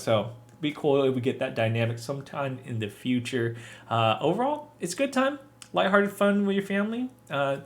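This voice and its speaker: A young adult man giving a casual spoken movie review, chatty, earnest and upbeat. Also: on the high side.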